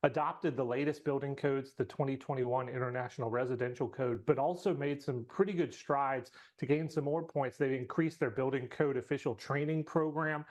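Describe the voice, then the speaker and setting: A man's voice: mid-range voice, steady tone, normal speed, few pauses. A man researcher explaining findings in a news interview soundbite, in an upbeat, explanatory way.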